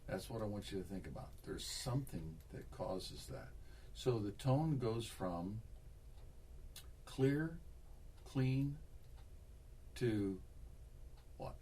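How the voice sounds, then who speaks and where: A man's voice: fairly low pitch, expressive, slow, long pauses, warm tone, husky, far from the mic. A man giving a one-on-one singing lesson, coaching and demonstrating exercises, repeating himself as he explains. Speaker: voice teacher.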